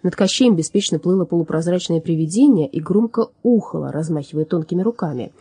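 A woman narrating a fairy-tale audiobook with expressive storytelling. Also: on the low side, a little fast, husky, dry recording, clean studio sound.

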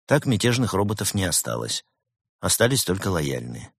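A man voicing a sly, ironic male fox who talks in a dry, unhurried, sardonic way. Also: deep voice, sing-song, creaky, breathy edge, no echo, full character voice. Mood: calm. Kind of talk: audiobook reading.

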